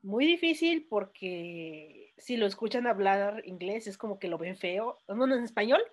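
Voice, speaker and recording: A woman with a Mexican accent hosting a casual podcast chat, telling stories in a relaxed, joking way. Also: medium pitch, measured pace. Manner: relaxed, storytelling with jokes. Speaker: podcast host.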